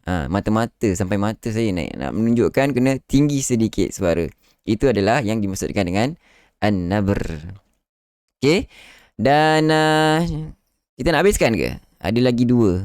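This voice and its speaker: A man's voice: on the low side, expressive, moderate pace, pauses often, a little mellow, smooth, no room sound, studio quality. A man hosting a live online lesson on Quran recitation, explaining with frequent "ah" fillers and showing how words are stressed. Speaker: Quran recitation teacher and live show host.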